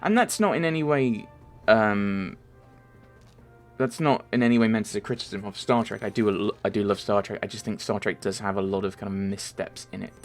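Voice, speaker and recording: A young man from Merseyside, England, with a low voice and a slightly fast pace, answers viewer questions. It's a casual, rambling voice-over with plenty of ums and self-corrections, set against faint game music.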